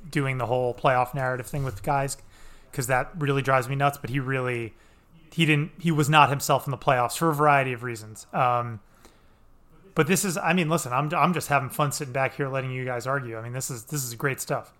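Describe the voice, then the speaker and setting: A man's voice: mid-range voice, steady tone, brisk, a bit bright. Easygoing man hosting a podcast. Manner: easygoing, moderating, rambling with fillers. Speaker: podcast host. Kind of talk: casual sports podcast chat.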